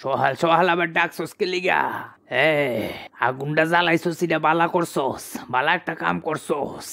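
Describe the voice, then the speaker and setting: A man voicing a shrewd old village man who talks slowly and gives advice. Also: on the high side, vocal fry, pushed and bright. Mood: calm. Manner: slow drawling advice.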